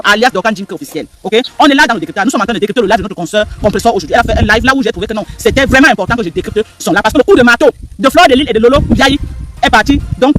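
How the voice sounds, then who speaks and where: A man's voice: very high voice, a bit bright. A man giving heated live-stream commentary, repeating himself and firing rhetorical questions at the audience. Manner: emphatic, repetitive, rhetorical questions to viewers.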